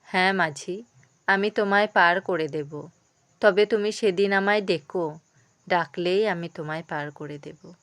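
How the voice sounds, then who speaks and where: Gentle divine prince, voiced by a woman narrator, calm reassuring lines, lowish smooth tone. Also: a little slow, no echo.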